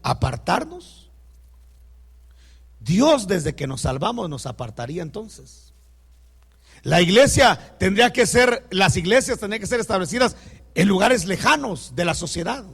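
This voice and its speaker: A man's voice: high-pitched, big pitch swings, a little slow, creaky, pauses often, a bit bright, breathy edge, big-room sound. A man preaching a sermon who speaks straight to the congregation and tells stories with quoted dialogue.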